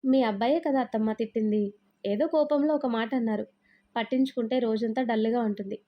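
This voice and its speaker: A woman voicing a gentle, dutiful young daughter-in-law who answers politely in a storybook reading. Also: on the high side, a little fast, dull audio, lightly acted. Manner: polite, soft-spoken.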